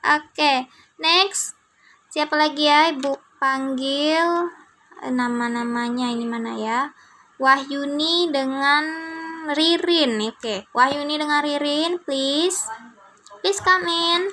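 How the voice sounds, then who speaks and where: A woman's voice: high voice, slow pace, bright, forceful tone, a little hiss or hum. A young woman with an Indonesian accent teaching a class, encouraging her students and patiently correcting their pronunciation. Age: young adult.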